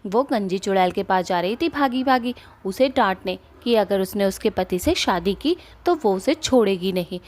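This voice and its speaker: A woman narrating a cartoon story in a plain, steady storytelling manner. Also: mid-range voice, moderate pace, few pauses.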